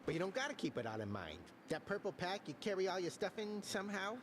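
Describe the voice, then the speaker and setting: A man's voice: high-pitched, very animated, fast talker, background noise. An actor playing a seasoned older male mentor in a video game, speaking in wordy, archaic turns mixed with folksy slang. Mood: advising.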